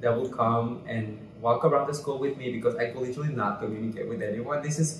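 A Cuban man in his twenties, a pageant candidate, chats as an interview guest in a bright indoor room. He's earnest and animated, gesturing as he talks, with a medium-pitched voice and a fast delivery. The mic sits at a distance, so there's a roomy echo.

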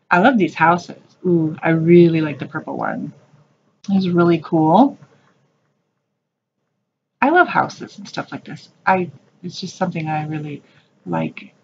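A woman narrates a casual shop-with-me video while walking craft store aisles indoors, gushing and chatty about her finds and calling things cute. Her voice is fairly low with a darkish tone. The audio sounds dull, with a little hiss or hum.

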